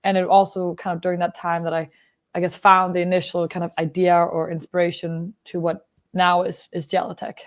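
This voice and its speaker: A young Danish woman who founded a biotech startup answers interview questions in a relaxed, explanatory manner, packing her speech with fillers. Her voice is fairly low and she talks fairly quickly.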